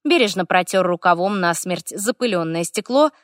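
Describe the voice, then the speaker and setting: A woman reading a first-person fantasy story aloud with a wry, lively manner. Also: fairly low pitch, moderate pace, dry recording, clean studio sound. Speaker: audiobook narrator.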